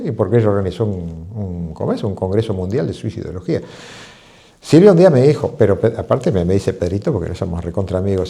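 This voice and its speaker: A Uruguayan-accented doctor speaks on a health program, his warm, mellow voice swinging widely up and down. He keeps throwing rhetorical questions at his viewers and tells stories with plenty of animation. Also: lowish voice, vocal fry. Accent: Uruguayan Spanish. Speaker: physician. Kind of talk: televised health talk.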